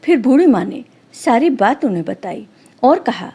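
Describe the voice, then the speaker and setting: A woman calmly narrating a devotional folk story as a storyteller. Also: on the high side, normal speed, breathy edge.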